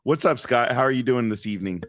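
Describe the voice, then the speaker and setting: A man's voice: mid-range voice, fast talker, no echo, studio quality. A man co-hosting a casual veterans podcast, teasing his partner and then interviewing a guest. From Central Valley, California. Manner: playful teasing, relaxed. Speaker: podcast co-host.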